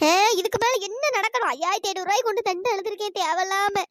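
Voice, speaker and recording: This pitch-shifted cartoon character is a village woman scolding over a hotel bill she overpaid. Her squeaky voice races along as she wails and grumbles with a sharp tongue, all on a dry recording.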